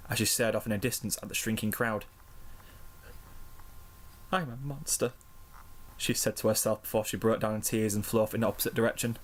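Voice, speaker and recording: A man reading a fan-written story aloud in slow, measured narration. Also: on the low side, slight background noise. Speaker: fanfiction reader.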